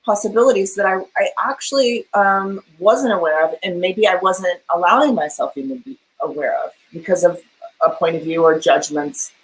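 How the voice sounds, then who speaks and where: A woman in casual conversation on a live stream over a video call, telling a personal story in an animated way with many fillers. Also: fairly low pitch, normal speed, low-quality recording.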